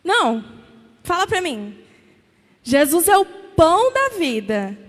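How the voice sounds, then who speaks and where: A woman's voice: very high voice, very animated, slow pace. A woman with a Brazilian Portuguese accent preaching a sermon, with emphatic, repeated questions to the congregation. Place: church. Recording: long church reverb.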